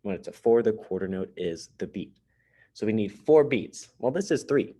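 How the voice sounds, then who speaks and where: A man's voice: fairly low pitch, expressive, normal speed, dark tone. A male music teacher giving a recorded online lesson to children, explaining step by step in a playful way.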